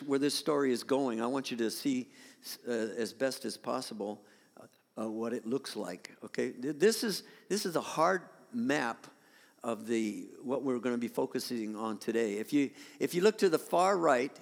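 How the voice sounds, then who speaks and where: A man's voice: on the high side, vocal fry. A man preaching a conversational sermon to his congregation, showing pictures on a screen and restarting his sentences often. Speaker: pastor. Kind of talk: sermon with slides. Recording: long hall reverb.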